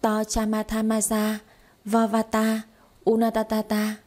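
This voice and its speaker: A woman reading a story, voicing a sharp-tongued young wife who fakes exorcism chants in mock gibberish. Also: a little high, monotone, unhurried, voice pushed up, natural voice. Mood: mock chanting. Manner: brash, mocking, gibberish chanting.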